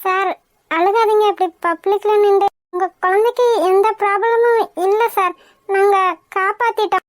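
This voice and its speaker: In a clean studio recording with no room sound, a woman gives a very high-pitched voice to an anxious young woman in a Tamil cartoon. Her intonation stays fairly even and her pace moderate as she frets and offers reassurance in a worried, anxious mood.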